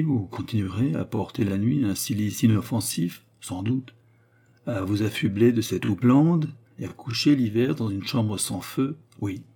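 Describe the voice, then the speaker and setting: A man voicing a calm, menacing baronet villain who lectures his accomplice in an audiobook reading. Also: mid-range voice, breathy edge.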